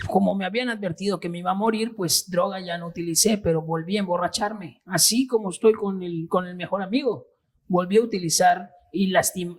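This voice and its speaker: Guy in his 30s, earnest and halting, lots of restarts while telling his story. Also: sits high. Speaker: interview guest. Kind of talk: personal testimony in interview.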